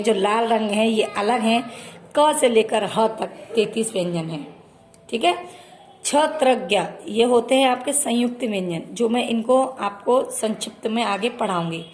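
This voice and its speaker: A woman's voice: a little high, a little hiss or hum. A woman teaching a children's Hindi grammar lesson, patiently repeating terms and addressing her pupils fondly. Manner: patient, repeats terms and calls listeners "beta".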